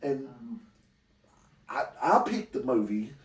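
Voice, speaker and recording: A man's voice: medium pitch, sing-song, slow. A man co-hosting a podcast in casual chat, rambling and repeating words, with a lot of laughing. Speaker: podcast co-host. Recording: echoey room, mic at a distance.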